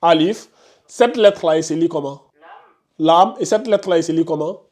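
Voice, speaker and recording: A man's voice: on the high side, brisk, darkish tone. A man teaching a live tajwid class, questioning students by name and insisting they concentrate. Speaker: Quran recitation teacher.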